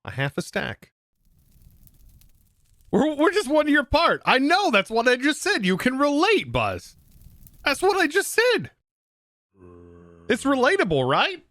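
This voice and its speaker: A man's voice: very high-pitched, huge pitch swings, measured pace, pauses often, bright, forceful tone, no room sound. A man in his thirties from the United States, rambling and joking with his viewers while he plays. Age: 30s. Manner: rambling, joking, talking to chat between actions. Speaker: live streamer. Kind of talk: casual gameplay chat with viewers.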